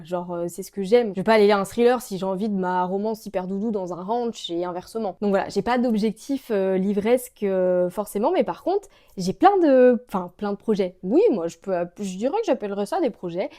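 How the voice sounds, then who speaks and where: A young French-accented woman chats casually to camera, gushing and filling her sentences with hesitations. Her voice is warm and mellow, at an ordinary pitch for a woman. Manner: chatty and gushing, many fillers. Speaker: book vlogger.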